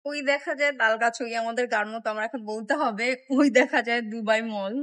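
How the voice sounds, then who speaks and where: A woman's voice: fairly high pitch, a little fast, fairly bright tone. A young woman, chatting casually and wryly as she films a travel vlog on a phone held at arm's length in a glass skywalk. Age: young adult. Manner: chatty, wry, self-mocking about being lazy. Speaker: travel vlogger. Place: indoor glass skywalk with moving walkways.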